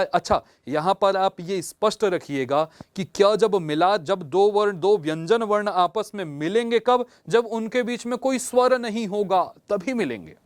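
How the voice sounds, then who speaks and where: A man with a fairly high voice teaches a lesson patiently, breaking each point into small repeated steps. The sound is dry and close, with no room around it. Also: dry recording. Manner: patient, repeats and spells out step by step. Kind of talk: classroom lesson.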